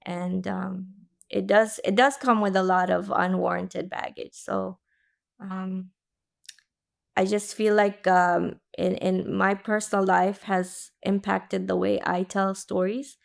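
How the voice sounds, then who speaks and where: A woman interviewer speaking reflectively and softly, with hesitant fillers. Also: medium pitch, level tone, slow pace, creaky. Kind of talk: interview conversation.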